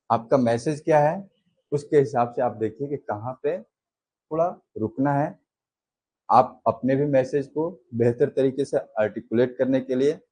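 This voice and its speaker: A man teaching a class at an unhurried pace, explaining step by step. His voice is mellow and dark, with a slightly husky edge. He lifts and drops his pitch to show examples. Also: low-quality recording. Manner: slow, unhurried explaining with demonstrative pitch changes. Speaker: commerce teacher. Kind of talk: classroom lecture.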